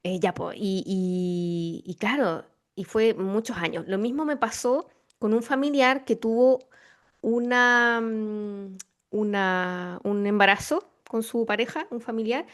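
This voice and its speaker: A woman with a Chilean accent hosts a casual conversation about spiritual topics. Her voice sits at an everyday middle pitch. She speaks reflectively, circling back with fillers and self-corrections as she thinks aloud. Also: steady tone, slow pace. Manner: reflective, many fillers and restarts. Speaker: podcast host.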